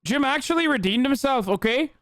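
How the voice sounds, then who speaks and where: A man's voice: extremely high pitch, animated, brisk, a bit bright, slight background noise. A man streaming, giving casual, joking reaction commentary with rambling asides on a close mic.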